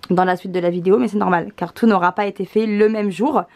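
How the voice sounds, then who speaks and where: A woman's voice: mid-range voice, fast talker. A woman hosting a casual family unboxing vlog, talking easily with frequent hesitations and laughs. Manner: relaxed, many hesitation fillers, laughs often. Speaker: vlog host, mother presenting gifts.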